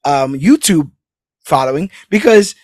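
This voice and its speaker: Recorded cleanly in the studio with no echo, a podcast host with a slightly high voice speaks expressively and without hurry. His outro is a casual, upbeat ramble of promo plugs and hype-filled calls to support the show.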